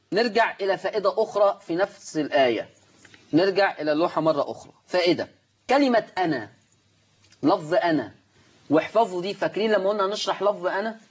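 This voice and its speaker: A man with an Egyptian Arabic accent teaching Quran recitation rules at a board, animated, asking the class questions and answering them himself. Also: high-pitched, husky, lo-fi sound.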